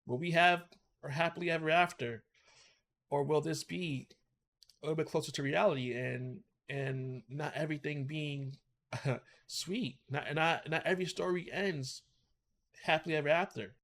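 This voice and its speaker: A man's voice: on the high side, moderate pace, a bit bright. A man hosting a reaction video, talking emotively and repetitively as he thinks aloud. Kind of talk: casual reaction commentary.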